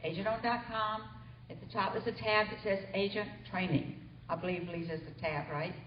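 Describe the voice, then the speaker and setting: A woman's voice: medium pitch, steady tone, moderate pace. A woman gives training announcements in a casual, chatty way at a company meeting. She sounds distant from the microphone, and the hotel meeting room echoes around her. The recording is dull and slightly muffled, with a faint hiss. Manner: chatty, informal. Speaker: training coordinator.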